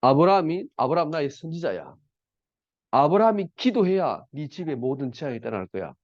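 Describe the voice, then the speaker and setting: A man's voice: fairly high pitch, sing-song, a little fast, dry recording, dull audio. A man preaching a sermon, voicing God as a stern, commanding figure who bluntly threatens a king.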